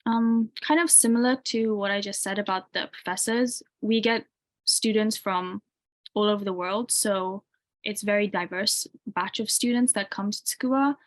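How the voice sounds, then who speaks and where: Her answers come at a normal pace in a medium-pitched voice, loose and relaxed with many "um" and "like" fillers. She's a university student in her twenties, from the UK and raised in Tanzania, being interviewed.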